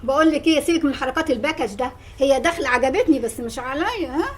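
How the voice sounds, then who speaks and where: A woman's voice: high voice, lively intonation, fast talker. An actress playing an affectionate but firm older grandmother talking with her granddaughter.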